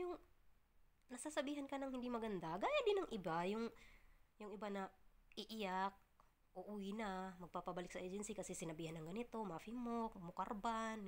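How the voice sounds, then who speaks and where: Chatty Filipina vlogger with a cough. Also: female voice, mid-range voice. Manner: chatty, many fillers and restarts, laughs often. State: coughing, clearing throat. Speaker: vlogger, domestic worker abroad. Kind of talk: casual storytelling to viewers.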